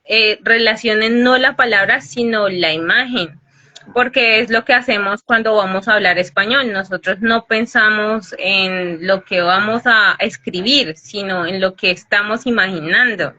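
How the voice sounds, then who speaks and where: A woman's voice: medium pitch, unhurried, sharp tone, lo-fi sound. A woman from Colombia hosting a casual live-stream chat, explaining with everyday examples and laughing at herself, heard over a video call. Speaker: host and English teacher.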